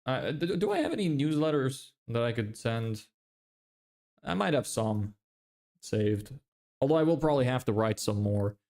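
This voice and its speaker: Very animated and a little mellow, this mid-range male voice moves at a moderate pace. It belongs to a young Lithuanian with American-sounding English who livestreams while building a business, reading viewer comments, joking about himself, swearing casually and laughing often.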